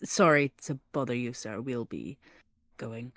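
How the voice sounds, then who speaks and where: A woman's voice: very deep voice, fairly bright tone, no room sound, clean studio sound, pitched below the performer's own voice, exaggerated voice. A woman doing a nervous, apologetic adventurer. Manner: apologetic, slow and careful.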